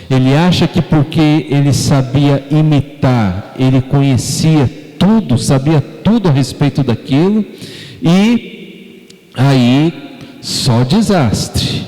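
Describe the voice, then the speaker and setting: A man's voice: mid-range voice, warm tone. A man with a Brazilian Portuguese accent preaching a sermon as pastor, talking conversationally and putting questions to the congregation. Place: church sanctuary. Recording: long church-hall reverb.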